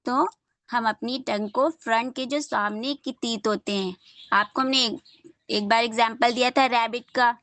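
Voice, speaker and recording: A woman's voice: fairly high pitch, fairly even intonation, a bit bright, no room sound. Young woman teacher drilling letter sounds. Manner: patient, drills sounds slowly and repeats them. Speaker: online Quran reading teacher.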